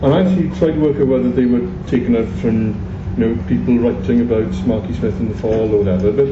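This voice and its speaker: A man with a medium-pitched voice talks fast while interviewing a guest radio-style, sounding hesitant with many restarts and fillers. The recording is echoey, distant and muffled, with loud room noise.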